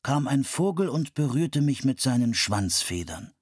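A kindly, calm gentleman speaks slowly and gently, as a man reads him in a storybook. His voice is a bit husky and lilts widely. The sound is close and dry. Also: medium pitch, dry recording, voice pushed up. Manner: slow, calm and measured. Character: calm kindly tall man in purple cloak.

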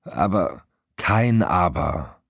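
A man's voice: sits low, very animated, very slow, vocal fry, a bit bright, slightly rough, no room sound, clean studio sound, heavily acted. A man voicing a secretive husband who answers in an offhand, reassuring way. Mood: breezy. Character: breezy, secretive husband at the wheel.

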